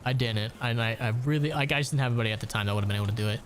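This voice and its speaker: A man's voice: mid-range voice, rapid-fire, a little hiss or hum. A man in his late twenties from Ohio, chatting casually and profanely while gaming on a stream. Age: late 20s. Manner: rambling, profane storytelling.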